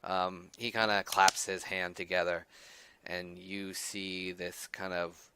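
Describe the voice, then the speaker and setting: A young man narrating as game master, speaking haltingly with many fillers and restarts. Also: low voice, little pitch movement, heavy background noise.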